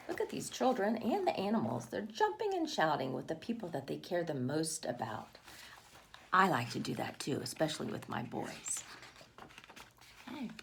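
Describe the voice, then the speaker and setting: A woman with a fairly low, gravelly voice reads a picture book aloud to children, expressively, adding asides and asking the young listeners questions. There is slight background noise.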